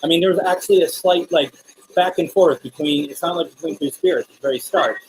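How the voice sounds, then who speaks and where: A paranormal investigator hosting a live spirit box session, speaking casually and haltingly, often putting questions to unseen listeners. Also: mid-range voice. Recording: noisy, rasping static. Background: raspy radio static noise.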